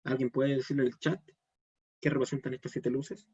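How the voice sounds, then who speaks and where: A man's voice: mid-range voice, level tone, a little fast, mellow, husky, lo-fi sound. A man giving a live online Kabbalah lesson, explaining step by step and checking in with his audience. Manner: explanatory, asks the audience questions. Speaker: Kabbalah teacher.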